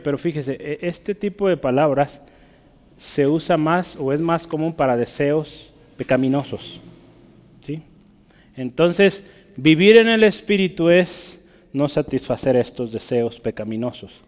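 A man's voice: a little high, a little mellow. Man preaching in a reverberant church. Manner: teacherly, often checks with the congregation. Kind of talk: sermon, Bible teaching. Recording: church hall with long reverb.

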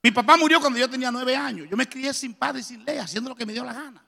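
A middle-aged man preaching a testimony sermon, telling his story in a lively way and acting out the dialogue. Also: extremely high pitch, fast, vocal fry. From Colombia. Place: church. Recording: reverberant church hall.

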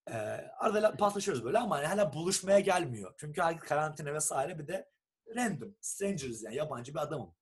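A young man from Turkey, telling a long story in a casual, animated chat and acting out what people said. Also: on the high side, fast, husky. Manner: animated storyteller who acts out quoted texts and swears casually.

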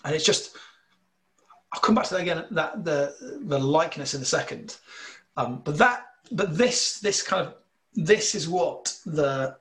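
A man with a slight northern English accent, explaining scripture in a relaxed discussion, earnest and full of fillers. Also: a little high, unhurried. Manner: earnest, explanatory, thinking aloud with many fillers. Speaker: bible teacher. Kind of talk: casual theological discussion.

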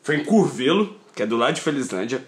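A man's voice: medium pitch, big pitch swings, fast. A man around thirty, a guest telling laughing anecdotes and acting out both sides of the dialogue. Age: 30s.

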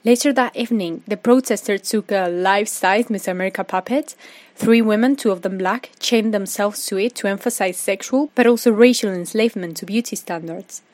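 A woman reads scripted documentary narration in a mid-range voice, fairly quick and free of echo. She tells the story in a lively way and asks the listener rhetorical questions.

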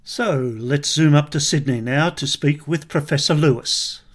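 A man hosting an interview, asking prepared questions in a polite, measured way. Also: fairly high pitch, background noise. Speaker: podcast host interviewer.

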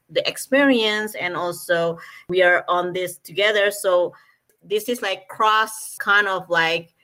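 A woman's voice: fairly low pitch, fairly bright tone, poor audio. A woman from Indonesia, an English speaker, talking loosely with many likes and you knows. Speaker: guest speaker. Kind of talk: casual talk.

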